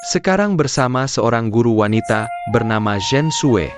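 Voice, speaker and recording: A man voicing a reassuring young younger brother in a dubbed drama series, speaking in an even tone, with music behind him. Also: medium pitch, normal speed, lightly acted. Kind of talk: Indonesian dub of a drama series. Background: background music.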